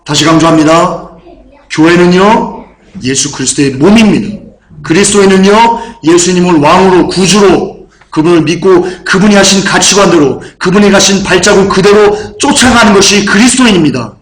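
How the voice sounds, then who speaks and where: Fervent high-voiced male preacher, echoey hall. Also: moderate pace. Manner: fervent, repetitive preaching that swings to shouted proclamations. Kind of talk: sermon.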